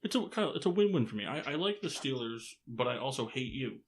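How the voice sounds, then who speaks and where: A man's voice: medium pitch, big pitch swings, husky. Teasing man hosting a sports chat. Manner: teasing, quick questions, laughs often. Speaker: podcast host.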